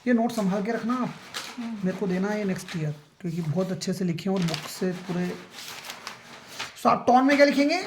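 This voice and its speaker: A man's voice: sits high, lively intonation, fairly quick, background noise. A man teaching a school science lesson in a classroom. He counts aloud, quizzes his students and keeps checking that they understand. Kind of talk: classroom lecture.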